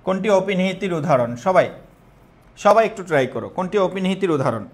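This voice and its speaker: A man's voice: sits high, lively intonation, quick pace. A young man with a Bangladeshi Bengali accent teaching a live online exam-prep class, repeating questions and quizzing students.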